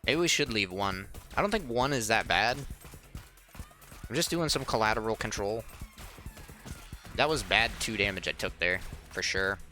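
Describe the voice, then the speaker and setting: A man's voice: lowish voice, moderate pace, long pauses. A young man commenting on his own gameplay, chatting with viewers in an exasperated, joking way, his voice cracking from a dry throat. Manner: animated, exasperated banter with viewers. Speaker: gaming channel host. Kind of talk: let's play commentary. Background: faint game music.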